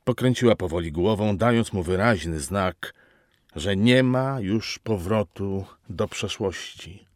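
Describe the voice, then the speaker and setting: A man reading a novel aloud as narrator, telling it in a slow, expressive way with dramatic pauses. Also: lowish voice, no echo, studio quality. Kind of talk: audiobook narration.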